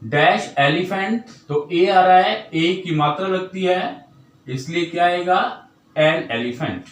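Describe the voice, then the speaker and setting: A male teacher with an Indian accent gives a grammar lesson in a fairly high voice, taking it slow. He stretches out example words and asks questions that he answers himself. He sits back from the mic in a roomy, echoing space. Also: distant mic. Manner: explains step by step, poses questions then answers them; drawls example words slowly.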